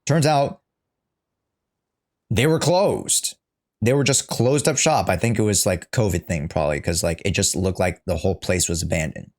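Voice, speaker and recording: This livestreamer is a young man speaking in a low voice at a normal speed. Chatting casually, he jokes and swears his way through reactions to the story of a game.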